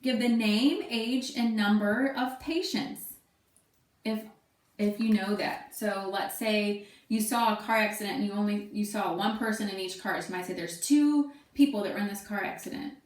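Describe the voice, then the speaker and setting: A woman's voice: medium pitch, moderate pace, distant mic. A woman teacher in her thirties giving a casual remote lesson from home, talking loosely with fillers. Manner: casual, chatty, thinks aloud with fillers. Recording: echoey room, voice away from mic.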